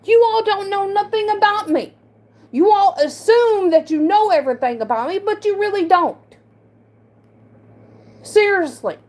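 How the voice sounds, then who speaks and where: Woman with a slight speech impediment, very high voice, slow, halting and defensive, livestream talk. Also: expressive, darkish tone. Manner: halting, repeats and restarts words, defensive. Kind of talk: emotional livestream monologue.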